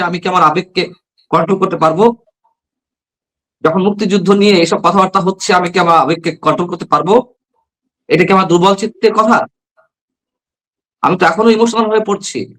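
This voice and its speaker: A man's voice: high-pitched, fairly bright tone, low-quality recording. A man from Bangladesh, a journalist guest on a political talk show, arguing with passion and firing rhetorical questions.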